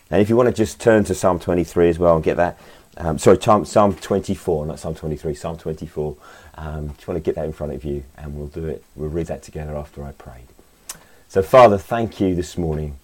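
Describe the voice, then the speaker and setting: A man with a croaky, slightly hoarse voice from a cold, speaking as a pastor in an informal, conversational sermon style with hesitations and tag questions. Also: extremely low pitch, darkish tone. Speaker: pastor leading an online Sunday service. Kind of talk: informal sermon and worship welcome.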